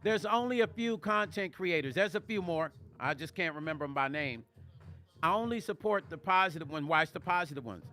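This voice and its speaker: A man's voice: fairly high pitch, lively intonation, fairly quick, sharp tone. An older man hosting a casual livestream, talking emotionally and rambling to viewers on a close studio mic. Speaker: vlog host.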